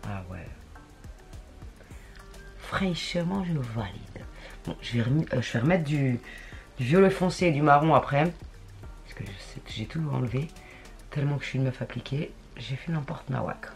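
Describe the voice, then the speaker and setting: A woman's voice: extremely low pitch, expressive, fairly quick, faint music behind. A woman chatting casually through a makeup tutorial, slangy and talking to herself as she works. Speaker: beauty vlogger.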